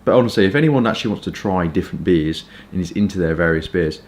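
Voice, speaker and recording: Low-voiced southern English man, casually chatting. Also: lively intonation. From Kent, England. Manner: informal, chatty, hesitant with stop-start pauses. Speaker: pipe tobacco reviewer. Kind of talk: casual rambling review chat.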